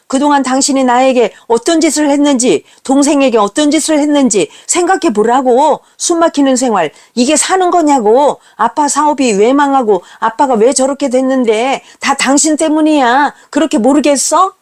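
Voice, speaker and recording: A woman's voice: a little high, animated, moderate pace, darkish tone, natural voice. A woman voicing an angry, contemptuous teenage son who talks with a sneering, accusing voice.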